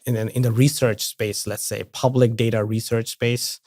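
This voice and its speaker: A man's voice: mid-range voice, flat delivery, moderate pace, a little mellow, no room sound, studio quality. A man from India in his forties, a guest talking casually in an interview, often restarting and repeating words. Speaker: venture investor, podcast guest.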